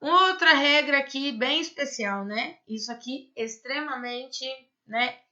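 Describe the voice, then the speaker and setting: A woman's voice: high-pitched, slow, pushed and bright, lo-fi sound. A woman teaching a Spanish class, explaining step by step and checking in with her students. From Brazil. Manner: explains patiently, asks rhetorical questions and checks in with "certo?" and "né?". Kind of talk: recorded online class.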